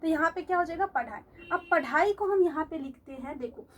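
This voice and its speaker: Woman teacher with a high voice, patient and repetitive, talking students through grammar at a board. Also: expressive, fairly bright tone, a little hiss or hum. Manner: explains slowly, repeats examples, asks checking questions. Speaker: English teacher. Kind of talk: classroom grammar lesson.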